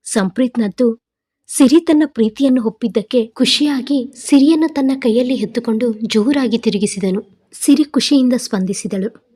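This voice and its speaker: A woman narrating a romantic audio story in a steady, measured reading. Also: a little high, husky.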